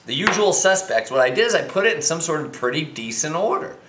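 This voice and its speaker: A man's voice: on the high side, sing-song, fast talker, noisy background. A middle-aged American man on a drunken, rambling, profane rant as a financial commentator, indignant and emphatic. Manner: emphatic, indignant, heavy swearing. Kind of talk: profane off-the-cuff rant to camera. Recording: echoey, roomy sound.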